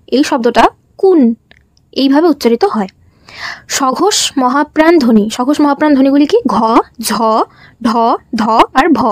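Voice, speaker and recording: A woman's voice: high-pitched, no echo. A young woman student teacher from West Bengal, India, presenting a lesson and asking herself questions she then answers. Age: young adult. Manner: explains in a steady question-and-answer pattern.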